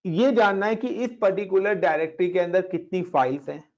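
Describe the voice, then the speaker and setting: A man with a slightly high voice runs a relaxed Linux lesson, chatting his students through each step and dropping in English tech words. The sound is dull and lo-fi. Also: brisk. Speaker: Linux instructor. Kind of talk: casual screen-share class explaining commands. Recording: dull lo-fi recording.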